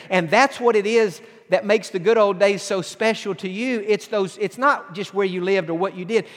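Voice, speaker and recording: A man preaching a sermon as pastor, earnest and repeating phrases for emphasis. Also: high-pitched. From southern United States. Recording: long hall reverb.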